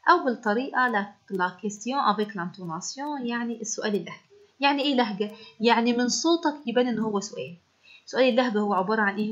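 Brief: fast-paced female teacher, Egyptian Arabic accent, rhetorical questions, muffled low-fi recording. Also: a bit bright. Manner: brisk, questioning, repeats key points. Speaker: French teacher. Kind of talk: classroom lesson explanation.

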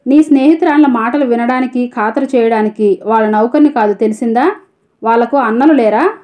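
A woman's voice: a little high, a little fast, lo-fi sound, close to an everyday voice. A woman reading a storybook, voicing a tired, patient young husband who speaks with restraint. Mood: weary.

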